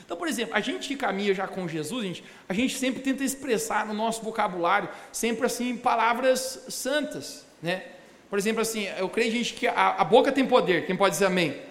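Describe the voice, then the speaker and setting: A male pastor, preaching a lively sermon and joking with the congregation in a church hall. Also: high voice, fairly quick. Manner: animated, joking storytelling with the congregation. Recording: echoey hall, live church sound.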